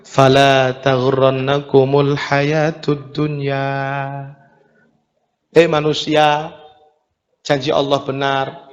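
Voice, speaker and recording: High-voiced animated preacher with a Javanese accent. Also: male voice, in a large hall. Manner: animated storytelling, mimics voices, mixes in local words. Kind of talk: sermon.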